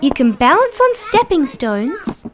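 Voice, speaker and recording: Children's show casting: a friendly female dinosaur, very high voice, highly animated, gentle and encouraging. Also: measured pace, slight background noise, heavily acted. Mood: cheerful, curious. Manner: sing-song, simple, encouraging delivery for small children.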